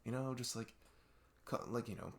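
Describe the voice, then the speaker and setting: Speaking straight to the listener, a male ASMR performer voices an earnest, opinionated best friend in a loose, improvised-feeling monologue. His mid-range voice stays close to everyday speech as he rambles, stalls, leans on fillers and laughs self-consciously.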